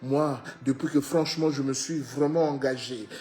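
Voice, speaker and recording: A man preaching a sermon, swinging from loud exhortation to low hushed phrases, often repeating words and addressing listeners as beloved. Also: steady tone, normal speed. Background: faint music.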